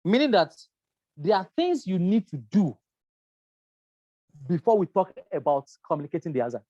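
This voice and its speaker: A workplace safety trainer giving a lecture with slides, stressing key points by repeating them and pausing often with um. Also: medium pitch, sing-song, mellow, no echo, highs cut off. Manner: emphatic, repeats key points, frequent um fillers.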